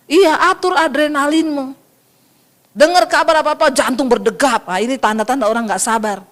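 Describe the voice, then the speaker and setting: A woman pastor giving a sermon in a lively storytelling manner, often turning to her listeners directly. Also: high-pitched, moderate pace.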